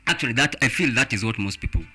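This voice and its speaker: A man's voice: medium pitch, animated, rapid-fire, sharp tone, breathy edge. A man from Central Kenya with a Kenyan accent, a Gikuyu speaker, talking as a musician in a conversational interview. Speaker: reggae musician interview guest. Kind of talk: conversational interview, mixing English and Swahili.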